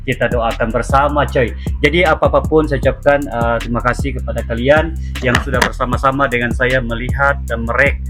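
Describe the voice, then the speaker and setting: Guy doing reaction commentary, repeats himself, normal pitch, bit of music in back. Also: fairly even intonation, fairly quick. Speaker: reaction video host. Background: faint music.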